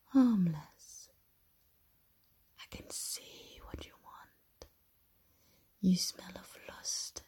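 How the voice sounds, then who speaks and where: A woman voicing a seductive, menacing goddess of love and fire in a whispered roleplay, speaking in a slow, teasing hush. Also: mid-range voice, full character voice. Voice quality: breathy whisper. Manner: slow, teasing, hushed and intimate.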